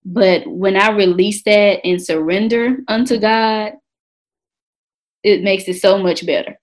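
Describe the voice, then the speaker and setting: A woman's voice: mid-range voice, steady tone, unhurried. A woman guest gives an earnest testimony of faith in a mid-range voice. She is emphatic and repeats her key words as she speaks. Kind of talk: testimony in an interview.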